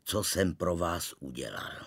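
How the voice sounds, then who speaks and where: A man voicing a gruff, grumbling, penny-pinching middle-aged father in a storybook reading. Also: low-pitched, sing-song, a bit bright, pitched below the performer's own voice, heavily acted.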